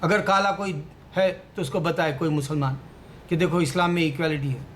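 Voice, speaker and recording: A man's voice: sits high, fairly bright tone, slight background noise. A man giving a rambling, preachy political commentary with a religious message, full of fillers.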